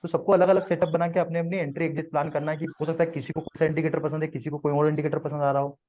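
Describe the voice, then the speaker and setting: A man's voice: fairly high pitch, little pitch movement, very fast, muffled recording. A man teaching a live trading class to students, explaining step by step and often checking that they follow.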